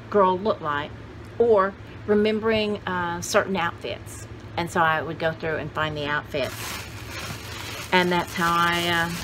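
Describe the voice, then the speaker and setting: With a lowish voice, this vintage haul host in her sixties talks casually and at an easy pace, thinking things through out loud. The low-quality camera recording comes from a small, cluttered-shelved room and carries slight background noise.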